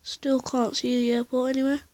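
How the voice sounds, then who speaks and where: A woman's voice: high voice, flat delivery, normal speed, warm tone. A woman thinking aloud in casual gameplay commentary while flying a plane in a simulator at home. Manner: rambling, chatty, thinking aloud. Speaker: flight sim player. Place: at home, indoors.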